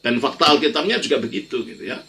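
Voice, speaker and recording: An older Indonesian priest teaches religion in a loose question-and-answer style, emphatic, repeating phrases and explaining with colloquial tags. His voice is medium in pitch, expressive, fast, pushed and bright.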